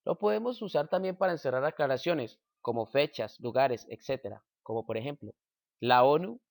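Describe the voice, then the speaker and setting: A man slowly reading out a punctuation lesson at a middling pitch. The voice is dry and close, with no room sound. He pauses after each point. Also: creaky, a little mellow, no room sound. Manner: slow, measured reading with example sentences. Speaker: teacher. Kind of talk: reading a grammar lesson aloud.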